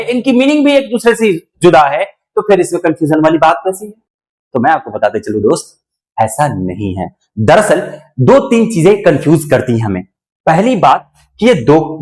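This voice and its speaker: High-voiced teacher explaining word pairs. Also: male voice. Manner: explains patiently, repeats words many times, asks the viewer questions; switches between English and Hindi. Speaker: English teacher. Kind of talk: spoken English lesson.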